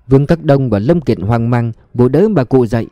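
Give me a man reading a detective story in a calm, measured way, with a dry, close studio sound. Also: mid-range voice, no echo, highs cut off. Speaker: audiobook narrator. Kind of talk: dramatic audiobook narration.

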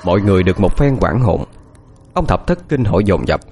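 A man narrating a ghost-story audiobook with expressive, dramatic delivery. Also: low-pitched, a little fast, slight background noise.

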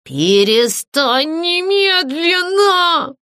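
A woman voicing a pompous male ghost who rules a ruined theatre, speaking slowly and menacingly. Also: extremely high pitch, big pitch swings, sharp tone, no room sound, clean studio sound, voice pushed up, exaggerated voice. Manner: slow, drawn-out and menacing.

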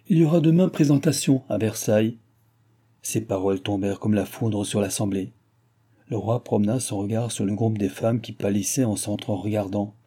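A man reads a classic novel aloud in a measured, expressive style. His voice is low and very dark, with a husky texture running through the narration. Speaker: audiobook reader. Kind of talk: scripted narration.

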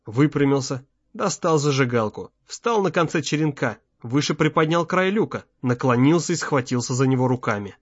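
A man narrating an audiobook in a measured, tense storytelling manner. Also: medium pitch, animated, breathy edge, dry recording. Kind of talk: scripted narration. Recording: slightly muffled, dry.

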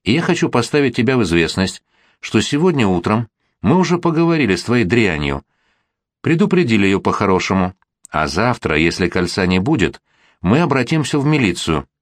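A man's voice: fairly low pitch, very animated, fairly quick, no room sound, studio quality. A man voicing a cold, triumphant grown daughter in a read-aloud story, spiteful and clipped.

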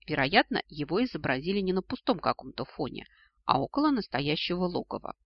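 A man narrating an audiobook in first person, with expressive, ironic storytelling. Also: on the high side, dry recording. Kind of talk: scripted narration. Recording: dull lo-fi dry recording.

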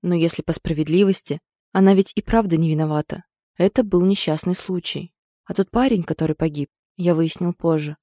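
A woman's voice: fairly low pitch, fairly quick, warm tone, no echo, clean studio sound, close to an everyday voice. A woman reading an audiobook, voicing a stern, protective older brother who barks firm orders. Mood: bitter.

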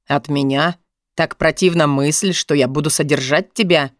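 A woman's voice: sits low, fairly even intonation, moderate pace, dry recording, studio quality, pitched below the performer's own voice, close to an everyday voice. A woman reading an audiobook, voicing a domineering wealthy man who growls, mocks and presses hard. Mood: pressing.

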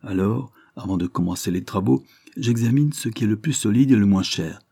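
A man's voice: fairly low pitch, a little fast, creaky, warm tone, no room sound, clean studio sound. A man voicing a sly, surly rustic caretaker who talks in a sour, defensive way.

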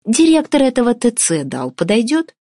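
A woman's voice: medium pitch, animated, moderate pace, a little mellow, dry recording, studio quality, close to an everyday voice. A woman reading an audiobook, voicing a pushy, sarcastic young woman who argues with everyone. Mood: indignant. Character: brash feisty young woman, gingerbread seller.

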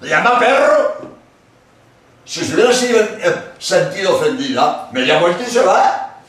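Lively Spanish man preaching in an echoey hall. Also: sits high, recorded from a distance. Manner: emphatic, with dramatic pauses and acted-out quotes. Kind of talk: sermon-style lecture.

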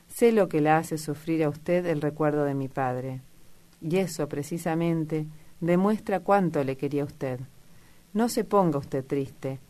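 A lovestruck young girl, giddy and eager, her voice lifting a little as she exclaims in a low, tinged tone, as a woman reads her aloud in a storybook. Her lines tumble out in breathless, earnest bursts. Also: warm tone. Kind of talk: audiobook character reading.

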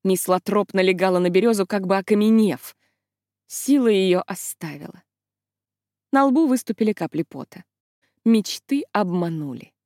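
A woman reading a literary novel aloud in a measured, expressive narration. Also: medium pitch, no room sound, studio quality. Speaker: audiobook narrator.

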